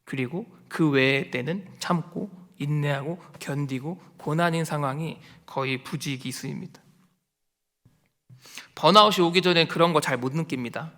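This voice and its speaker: A male pastor preaches in an easy, conversational way, his voice high and bright. Long reverb trails each phrase, as in a church sanctuary. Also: moderate pace. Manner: conversational, animated, acts out quotes. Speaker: associate pastor. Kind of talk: sermon.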